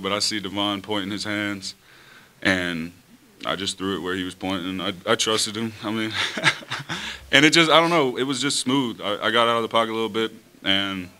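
A young man, a college quarterback, answering at a post-game press conference in a relaxed, easy way at a table mic. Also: lowish voice, clean tone. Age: young adult. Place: press room in front of a team backdrop. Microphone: table mic on a stand.

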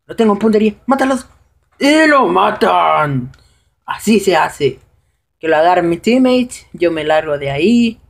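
A man giving casual live commentary over his own gameplay, excitable and prone to high shouts when things go wrong. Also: unhurried, vocal fry.

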